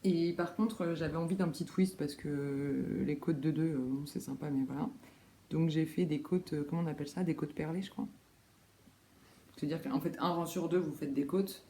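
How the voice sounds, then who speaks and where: Chatty woman with a mellow, roomy voice. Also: sits low, steady tone, moderate pace. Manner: rambling, many fillers and self-corrections. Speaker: knitting vlogger. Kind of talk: casual show-and-tell chat. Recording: roomy echo, faint background noise.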